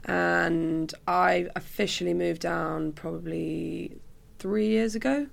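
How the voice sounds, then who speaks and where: A woman's voice: on the low side, fairly even intonation, slow, creaky. A young woman from Cumbria with a British accent, chatting casually and informally as an interview guest. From Cumbria, England. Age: young adult. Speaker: musician guest.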